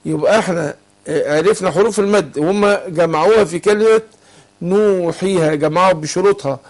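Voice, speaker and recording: An Egyptian man with a high voice teaches Quran recitation rules on a call-in lesson. He talks patiently and keeps prompting his student to complete each word. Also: fairly quick. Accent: Egyptian Arabic. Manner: patient, asks students to fill in words.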